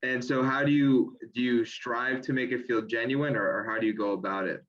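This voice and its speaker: A man's voice: medium pitch, steady tone, brisk, a bit bright, muffled recording. Hesitant man moderating a webinar. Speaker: discussion moderator. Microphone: video call.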